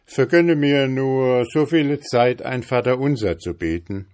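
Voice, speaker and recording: A man's voice: mid-range voice, unhurried, a little mellow, pitched above the performer's own voice, natural voice. A man voicing a bold young journeyman in a read-aloud fairy tale, firm and stern. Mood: defiant. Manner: firm, angry, raised voice.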